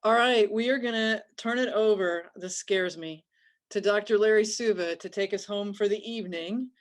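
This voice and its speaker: A woman's voice: mid-range voice, normal speed. Middle-aged woman, event host, video call. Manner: warm thanks, upbeat introductions.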